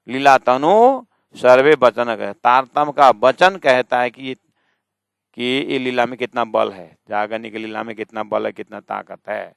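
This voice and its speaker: Gravelly male scripture teacher. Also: medium pitch, fairly bright tone, no echo. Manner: explains verse by verse, stages back-and-forth with imagined students; slow, drawn-out reading of verses. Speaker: spiritual teacher. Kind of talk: scripture class lecture.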